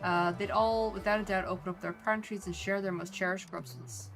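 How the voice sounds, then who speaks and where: An Irish woman reads aloud as a cheerful young patrol officer from a game. The delivery is upbeat and friendly, with a mid-range pitch. Faint music plays underneath. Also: steady tone, brisk, lightly acted.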